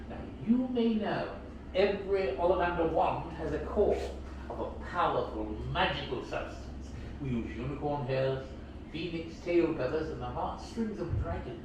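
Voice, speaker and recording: A man performing as a wand shop keeper at a theme park, with grand, theatrical patter and loud exclamations. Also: a little high, moderate pace, slight background noise. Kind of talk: theatrical live show patter. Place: indoor wand shop attraction. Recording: distant, very echoey shop filmed on a phone.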